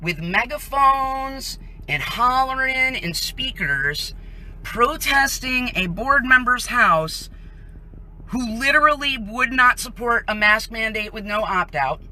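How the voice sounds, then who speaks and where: Filming a protest from inside a vehicle on a residential street, an American woman delivers emphatic, indignant live commentary full of rhetorical questions and pointed statements. Her fairly high voice is animated yet slow with a sharp tone, and the recording quality is low.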